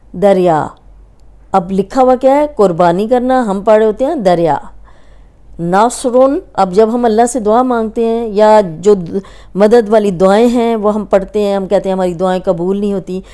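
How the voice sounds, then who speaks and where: In this recorded tajweed lesson, a woman who teaches Quran recitation speaks at medium pitch with a smooth, warm, mellow tone. She takes her time explaining, stretching out individual letter sounds to demonstrate their correct pronunciation.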